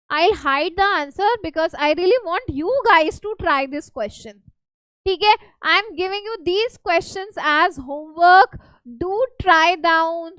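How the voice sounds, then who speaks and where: North indian lady teacher doing a revision class, really high voice, dry sound, repeats stuff and keeps checking in. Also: fairly bright tone, dry recording, rough recording. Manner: repeats key phrases for emphasis; instructive, checks in with students often. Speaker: school science teacher. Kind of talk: live online revision lesson.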